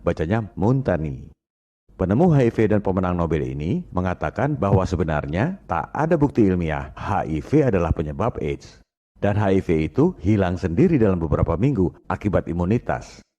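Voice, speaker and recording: A man's voice: sits low, mellow. A man narrating scripted voice-over commentary in an assertive way, asking rhetorical questions.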